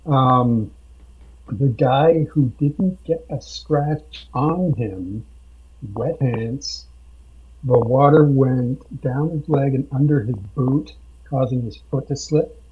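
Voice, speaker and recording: A man on a podcast, telling a tabletop game story slowly with many pauses and fillers. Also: mid-range voice, breathy edge. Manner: slow, halting with many fillers. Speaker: podcast guest, game master. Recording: dull lo-fi sound.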